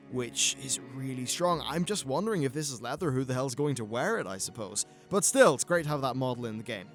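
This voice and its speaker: A man with a British accent giving casual, conversational and opinionated commentary as a gaming video host. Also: a little high.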